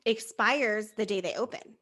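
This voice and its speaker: A woman co-hosting a casual fan podcast, chatting and telling stories with animated quoted voices. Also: mid-range voice, measured pace. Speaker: podcast co-host. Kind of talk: casual chat.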